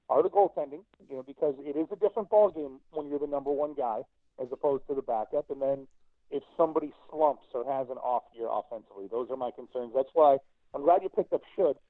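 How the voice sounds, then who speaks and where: A man's voice: mid-range voice, expressive, fast, dry recording. A male hockey broadcaster calling in as a guest, giving confident, joking analysis of his team. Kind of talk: sports talk call-in. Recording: tinny phone line.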